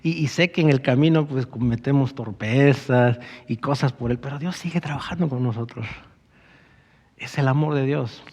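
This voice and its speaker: Pastor preaching in a reverberant church. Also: male voice, medium pitch, moderate pace, a little mellow. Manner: conversational storytelling with rising emphatic passages. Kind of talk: sermon. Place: church sanctuary. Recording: dull sound with long church reverb.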